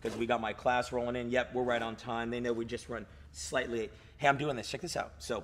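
A man's voice: mid-range voice, level tone, a little fast, a bit bright, a little hiss or hum. A man in his thirties, a fitness coach talking in a casual podcast chat, hyped and swearing, saying "dude" and "like" a lot, recorded in a gym lounge. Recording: reverberant gym room.

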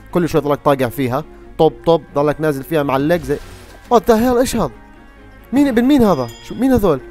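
A young man giving excitable live gameplay commentary, often exclaiming at surprises, with game music behind him. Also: medium pitch. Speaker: gaming youtuber.

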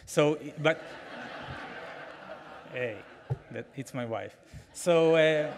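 Man giving a keynote at a podium. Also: fairly high pitch. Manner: conversational, animated, frequent fillers, gestures while talking. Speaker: keynote speaker. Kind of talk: conference keynote. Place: large conference hall, at a podium. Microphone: podium microphone.

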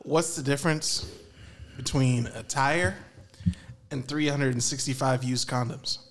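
A man's voice: mid-range voice, measured pace, noisy background. A young man trading dirty jokes in casual banter, with a leering, smutty manner. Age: young adult. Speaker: joke teller. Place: small indoor podcast studio. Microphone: desk microphone on stand.

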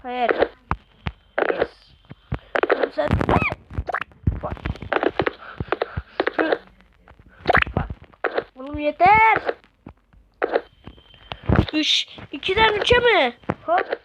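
A woman commentating as she plays a video game, excitable and grumbling at the game as she goes. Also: extremely high pitch, extremely slow, pauses often. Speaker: gamer. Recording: dull lo-fi with loud noise.

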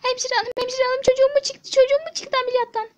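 Give me a woman playing a desperate, high-pitched mother who shouts through tears. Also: flat delivery, very fast. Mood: frantic. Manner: shrill, crying and shouting. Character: frantic young mother desperate over her child. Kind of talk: Turkish toy-app drama voice acting.

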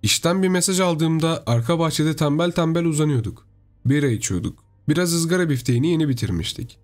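A man's voice: on the high side, fairly quick. Man narrating a horror story.

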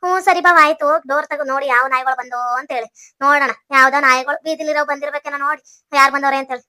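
A teasing, spiteful young woman in a cartoon, voiced by a woman. North Karnataka Kannada accent, a very high, bright voice that runs fast. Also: steady tone, no echo, studio quality. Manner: teasing, gloating whisper-like.

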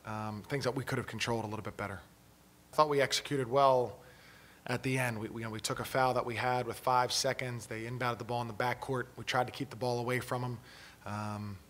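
A man in his thirties, a head coach answering questions at a postgame press conference, talking in halting phrases with many restarts, into a table mic in a press room. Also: medium pitch, a bit bright.

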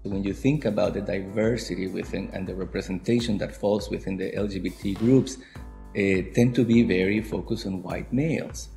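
Low-voiced man with an Ecuadorian Spanish accent. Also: normal speed, creaky. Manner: relaxed, reflective, frequent restarts. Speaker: marketing director. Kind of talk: interview to camera. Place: home room by a window. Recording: guitar music underneath.

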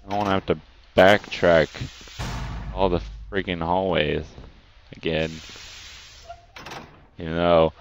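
A man's voice: low-pitched, fairly even intonation, takes it slowly, vocal fry, pauses often. A young man giving casual, nervous commentary as a scared horror game streamer, muttering to himself. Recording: dull lo-fi mic, light background noise.

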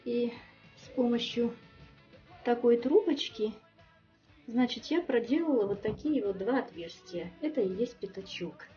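Slightly high yet dark in tone, a woman's voice moves at a measured pace with lively intonation. She is a home cook demonstrating a recipe step by step at her kitchen table, chatty and homely with many fillers; the sound is distant and muffled, faint music behind.

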